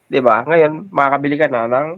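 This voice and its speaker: A man co-hosting a casual interview, halting and repeating syllables as he works through his thoughts. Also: mid-range voice, no room sound. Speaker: co-host. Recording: dry, slightly dull sound.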